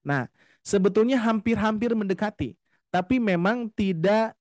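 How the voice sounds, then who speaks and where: A man with a fairly high voice leads an online recitation lesson, explaining each point patiently and politely. He often stretches out words as he models the pronunciation. The sound is dry and close, with no room echo. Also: darkish tone. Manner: patient, explains slowly, often addresses "Bapak Ibu", models recitation drawn out. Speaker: Quran recitation teacher. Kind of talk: online tajwid class. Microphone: video call.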